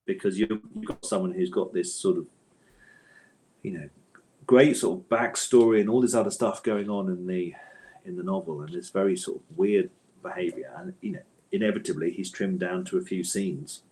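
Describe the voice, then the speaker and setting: In a low-quality recording with slight background noise, a male author guest chats in a casual literary interview. His low, mellow voice is animated and moderately paced, and he feels his way through thoughts hesitantly, digressing, with thoughtful phrasing and repeated tag questions.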